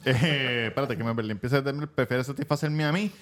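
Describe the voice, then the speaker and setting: A man's voice: medium pitch, quick pace. A man, co-hosting a casual podcast and reading out a listener's letter with jokes. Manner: joking, lively, swears casually. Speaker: podcast co-host.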